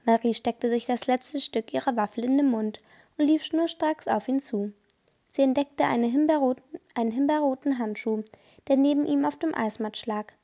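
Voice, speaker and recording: A woman podcaster reading a children's mystery story aloud in steady storybook narration. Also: high-pitched, moderate pace, muffled recording. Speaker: podcast reader.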